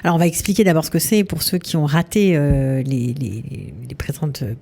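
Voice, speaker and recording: A woman's voice: low-pitched, expressive, fairly quick, creaky, warm tone. A woman hosting a show, presenting and asking questions in an interview.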